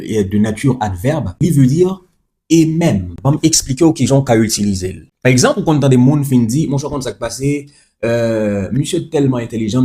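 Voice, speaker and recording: A man's voice: mid-range voice, warm tone. A man teaching a French lesson, spelling words letter by letter, repeating each example and adding chatty asides to the listener. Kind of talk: explaining a language lesson.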